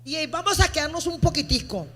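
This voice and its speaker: A woman pastor preaching a sermon, swinging between loud, emphatic outbursts and quiet asides, repeating phrases and asking the congregation rhetorical questions. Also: high-pitched, animated, quick pace.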